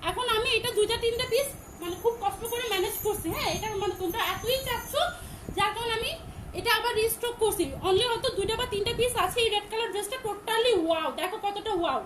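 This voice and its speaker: A young woman from Chittagong, selling clothes on a live stream in a loud, big voice, repeating each price emphatically. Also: very high-pitched, fast, background noise. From Chittagong, Bangladesh. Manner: repetitive, emphatic, rattles off prices. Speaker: online clothing seller. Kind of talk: live-stream sales pitch.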